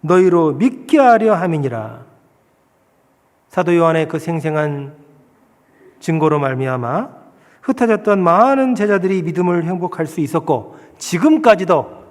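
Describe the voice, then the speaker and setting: Brief: male pastor, slightly high voice, earnest sermon delivery, long hall reverb. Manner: earnest preaching with rhetorical questions and slow emphatic scripture reading.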